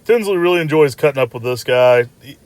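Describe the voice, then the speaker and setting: A man's voice: mid-range voice, expressive, brisk. A man giving casual, chatty voice-over commentary as a restaurant review vlogger, repeating himself informally.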